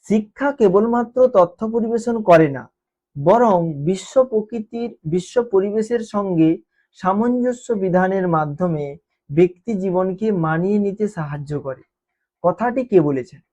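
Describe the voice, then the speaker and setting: A woman teacher explaining exam questions, repeating key terms and checking in with quick questions to students. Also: mid-range voice, mellow. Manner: repeats key terms and keeps asking "ঠিক আছে?". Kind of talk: exam-prep lesson explanation. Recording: dull lo-fi recording.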